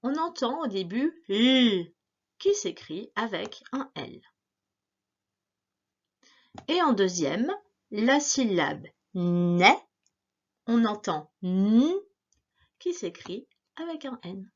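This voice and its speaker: A woman teacher giving a spelling dictation to young pupils, articulating slowly and repeating each word. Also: on the high side, big pitch swings, slightly rough, dull audio.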